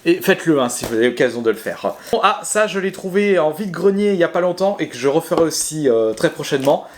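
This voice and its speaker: A gaming video creator casually shows his viewers his video game collection, talking to camera in a chatty, hesitant way full of fillers, restarts and self-mocking laughs. His voice is a little high and expressive, he talks fast, and there's a slight hiss or hum.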